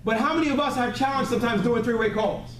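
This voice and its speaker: A man's voice: very high voice, quick pace, a bit bright. A man giving a motivational sales training talk, blunt and emphatic, repeating key words and often checking that the group follows. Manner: emphatic repetition for effect; frequently checks in with listeners. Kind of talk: motivational training seminar speech. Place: indoor training room with a live group. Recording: echoey room, distant mic, faint noise.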